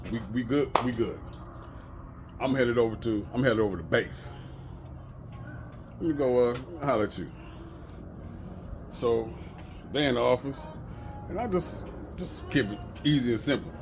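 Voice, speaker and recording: Profane, animated man ranting. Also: medium pitch, unhurried, pauses often, over music. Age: middle-aged. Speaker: bus driver. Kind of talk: casual vlog rant.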